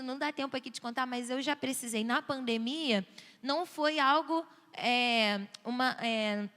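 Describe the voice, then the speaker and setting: A woman in her thirties with a Brazilian Portuguese accent gives an earnest, conversational talk in a church and keeps checking in with her listeners. Her voice sits high and rings bright. A long reverberant tail from the hall follows her words. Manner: earnest, conversational, often asks "né?". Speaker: church speaker on child anxiety.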